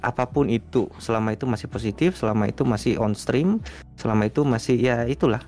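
Gravelly-voiced male streamer, chatty. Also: mid-range voice, quick pace, soft background music. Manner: relaxed, rambling, many fillers. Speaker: guest streamer. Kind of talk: casual interview chat.

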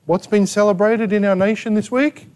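An Australian man preaches with a notably high voice. He delivers his sermon emphatically, firing rhetorical questions and sharp asides at his congregation. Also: fairly even intonation, moderate pace, clear, resonant tone. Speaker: pastor. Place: church gathering in a rented hall.

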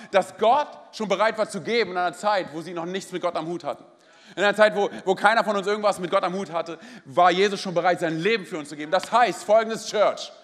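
A man's voice: sits high, a bit bright. A man in his thirties preaching a sermon, energetically calling out to the congregation. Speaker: pastor. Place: large church hall. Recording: hall reverb with faint music.

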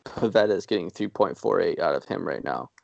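A man co-hosting a podcast, chatting casually about sports in a rambling, self-deprecating way with halting restarts. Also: deep voice, animated, vocal fry, dry recording, muffled recording. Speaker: podcast co-host.

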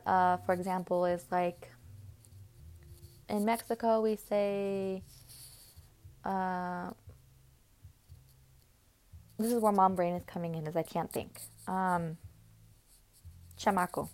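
A woman hosting a casual solo podcast, talking in a chatty, rambling way with many pauses and restarts. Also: lowish voice, a little mellow. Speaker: podcast host.

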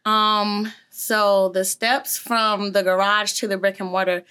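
A woman's voice: mid-range voice, little pitch movement, slow pace, sharp tone, clear, resonant tone. A woman in her thirties, a gym owner and trainer, talking about her business in a chatty, upbeat way full of "um"s and "like"s. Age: 30s. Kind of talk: casual interview.

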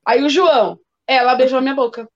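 A woman's voice: sits high, brisk, a little hiss or hum. A woman who works as a school coordinator, chatting casually and animatedly acting out children's voices as she tells stories. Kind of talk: casual storytelling chat. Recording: dull lo-fi sound.

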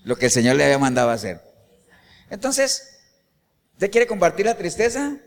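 A male pastor delivering an animated sermon, often putting rhetorical questions to the congregation. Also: high-pitched, moderate pace, long reverb tail.

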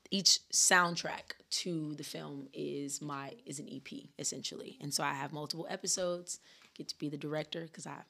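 A woman with a low, steady voice that barely rises or falls speaks as a guest musician. She answers earnestly and at a measured pace, describing her work. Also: creaky. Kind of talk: interview answer.

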